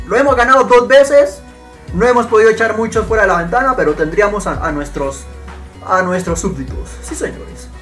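A man giving excitable gameplay commentary as a gaming channel host, shouting and swearing at the game as he plays. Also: high voice. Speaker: gaming YouTuber.

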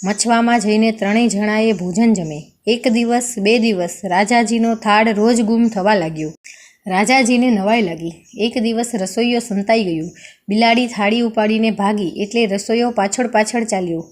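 A woman's voice: mid-range voice, moderate pace. A woman reading a folk tale aloud, expressively voicing the characters' lines. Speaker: storyteller.

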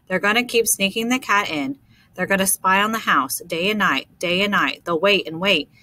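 A woman's voice: mid-range voice, moderate pace, bright, forceful tone, dry recording, lightly acted. A woman voicing an anxious ten-year-old boy in an audiobook, talking in worried, repetitive bursts.

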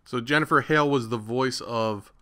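A man chats his way through a video game with loose, irreverent commentary and frequent swearing. His voice is bright and forward, and his talk is casual and offhand. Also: mid-range voice, moderate pace, smooth. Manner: chatty, irreverent, swears freely. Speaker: gaming channel host.

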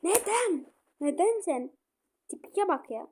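A woman playing a football video game, commenting and shouting at her players. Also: very high-pitched, expressive, takes it slowly, noisy background. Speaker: gaming streamer.

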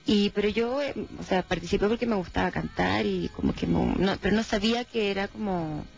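A young Chilean woman with a Chilean accent, chatting casually and candidly as a singer guest in a radio studio, speaking into a desk mic with fillers and pauses. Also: mid-range voice, gravelly. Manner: relaxed, candid, hesitant with fillers. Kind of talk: casual interview chat. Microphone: desk microphone. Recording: dull lo-fi sound.

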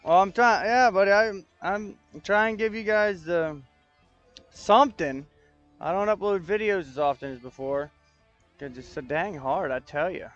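Faint music plays behind this streamer as he works through technical problems, frustrated and thinking aloud in casual chat with viewers. His voice sits high with a fairly bright tone and a slightly slow pace, and the highs are cut off.

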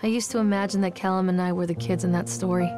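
A woman's voice: mid-range voice, steady tone, fast talker, lightly acted. A woman delivering a wistful, brooding inner monologue as a game's protagonist. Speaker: game protagonist. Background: music.

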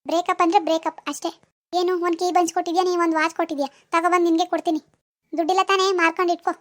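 A woman's voice: extremely high pitch, level tone, rapid-fire. A woman voicing a demanding, proud young village woman in a cartoon, scolding and sarcastic as she talks to her boyfriend. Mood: angry. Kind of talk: cartoon dialogue voice acting.

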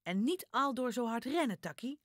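A woman's voice: a little high, lively intonation, moderate pace, no room sound, studio quality, lightly acted. A woman voicing a caring little girl. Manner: gentle, motherly toward the dog. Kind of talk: storybook reading for children.

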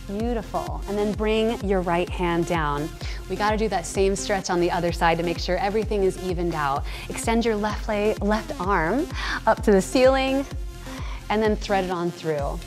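Woman trainer, thirties, mid-pitched, encouraging yoga cues over faint music. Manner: encouraging, upbeat cueing. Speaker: fitness trainer. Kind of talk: guided yoga instruction. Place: large indoor home gym studio.

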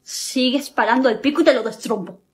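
A woman playing a blunt, sarcastic young woman who mocks and brushes off her admirer with quick retorts. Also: sits high, natural voice. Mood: mocking. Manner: sharp, mocking, quick retorts.

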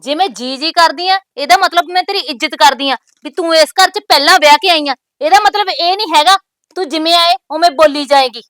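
A defiant young bride. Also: female voice, high-pitched, brisk, fairly bright tone, dry recording. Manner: bold, scolding, proverb-laden retorts. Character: sharp-tongued young newly married woman, defiant. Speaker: actress. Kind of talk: village family drama acting.

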